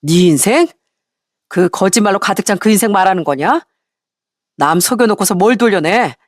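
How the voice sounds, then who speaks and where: A woman's voice: medium pitch, expressive, normal speed, no echo, studio quality, close to an everyday voice. A woman voicing a divorced man who answers his ex-wife coldly and firmly. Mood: cold rebuke. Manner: cold, cutting, firm. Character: fed-up divorced man, cold and firm.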